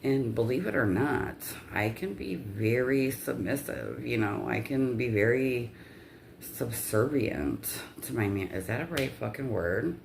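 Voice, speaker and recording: A woman's voice: extremely low pitch, expressive, measured pace, vocal fry, noisy background. A woman telling a personal story in a casual vlog rant, with blunt, profanity-heavy delivery.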